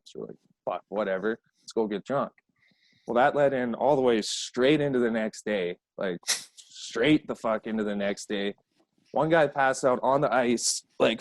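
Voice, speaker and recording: A man's voice: medium pitch, no echo. A man from Alberta, Canada, a guest hockey player, telling rambling stories in casual podcast chat and swearing constantly.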